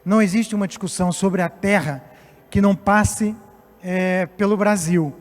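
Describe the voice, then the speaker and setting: Here a company executive from Portugal, around his late fifties, speaks at normal speed in a high-pitched voice with fairly even intonation. As a guest speaker at a live event, he gives a semi-formal, somewhat halting stage speech in a reverberant hall backed by music.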